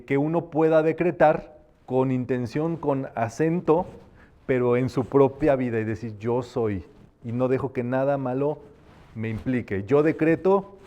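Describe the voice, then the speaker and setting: A man's voice: mid-range voice, warm tone. A man teaching a live metaphysics class, explaining patiently and sometimes demonstrating by chanting affirmations.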